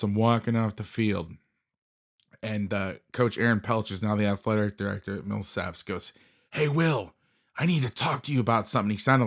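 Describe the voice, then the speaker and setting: Male podcast host, casual joker, lower-pitched voice. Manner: casual, joking storyteller.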